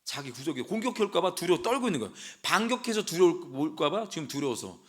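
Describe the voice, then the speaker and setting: A man's voice: a little high, big pitch swings, quick pace, fairly bright tone. A young adult man preaching a sermon as a pastor, talking in a conversational way, dropping into casual speech and acting out short quoted lines.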